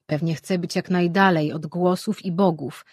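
A woman voicing an anxious, urgent male sorcerer in an audiobook, reading in a husky voice. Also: on the low side, fairly even intonation, moderate pace, darkish tone, no echo, studio quality. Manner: urgent, questioning.

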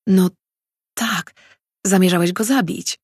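Defiant young woman voiced by a narrator, arguing, very husky, gravelly. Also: fairly low pitch, fairly even intonation, takes it slowly, a little mellow, no room sound, clean studio sound, heavily acted. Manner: pleading, arguing.

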